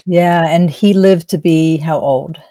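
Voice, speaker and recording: Woman host, low dark voice, gentle, lots of soft mm-hmms, dry close sound. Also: takes it slowly, dry recording. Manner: gentle, affirming, frequent soft backchannels. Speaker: host and interviewer. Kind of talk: faith-based interview.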